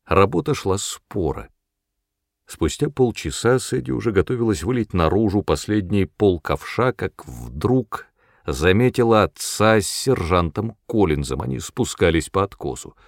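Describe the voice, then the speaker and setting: A man narrating a children's book audiobook in an expressive reading voice, close to the mic. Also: lowish voice, a little slow, vocal fry, no echo.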